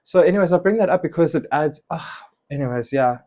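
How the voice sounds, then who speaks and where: A man's voice: fairly high pitch, brisk. A young man from South Africa, telling stories as an interview guest and acting out what others said. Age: young adult. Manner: animated, quotes others in little acted lines. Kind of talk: casual storytelling interview.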